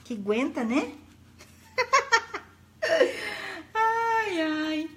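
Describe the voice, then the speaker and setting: A woman's voice: high voice, lively intonation, a little slow, a bit bright, slight background noise. A middle-aged woman, hosting a live craft tutorial in a chatty, affectionate way and greeting viewers by name. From Brazil.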